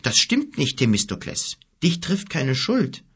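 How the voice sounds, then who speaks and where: A man voicing an earnest young boy hero in an audiobook, raising his voice to sound higher, urgent and insistent. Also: huge pitch swings, measured pace, a bit bright, slightly rough, heavily acted. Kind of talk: audiobook character reading.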